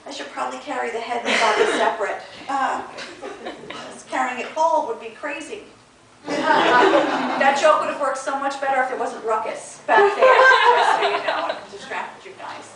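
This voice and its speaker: A woman works through a stand-up set, chatty and self-mocking, often laughing at her own lines. Her voice sits high. The sound is very echoey and distant, with clear room noise behind her. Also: moderate pace. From Long Island, New York. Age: 40s. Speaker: stand-up comedian. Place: comedy club stage.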